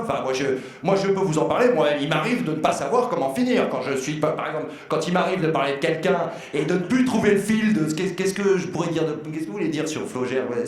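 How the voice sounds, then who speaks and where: Man, fairly high voice, roasting contestants: rambling, mock-outraged, loud then muttering; very echoey hall. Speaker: jury member roasting contestants. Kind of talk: comic roast speech.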